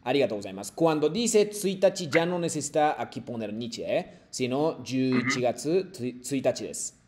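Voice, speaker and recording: Male language teacher, patient, models and repeats phrases, mid-pitched voice. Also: expressive, normal speed, a little mellow. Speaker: Japanese teacher. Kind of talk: online language class, mixing Spanish and Japanese.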